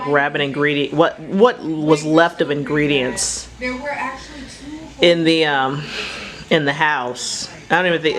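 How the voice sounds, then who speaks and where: A young woman with a slightly low voice talks casually at home, her words tumbling out in a rambling, chatty flow. Now and then she breaks into excited cheers. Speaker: home cook and mother. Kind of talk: casual vlog chat.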